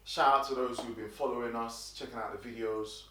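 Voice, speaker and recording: A man's voice: mid-range voice, fairly even intonation, fairly quick, bright, forceful tone. Chatty man in a roomy room. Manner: chatty, with fillers and restarts. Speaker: boxing news host. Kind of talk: casual commentary. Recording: roomy and distant from the mic.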